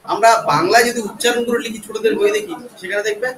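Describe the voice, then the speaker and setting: A male English teacher from West Bengal, India, gives a grammar lecture in an echoey classroom, recorded from far off with faint background noise. His voice is high, bright and forceful, with fairly even intonation, and he talks fast. He explains patiently, spells words out letter by letter and poses rhetorical checks.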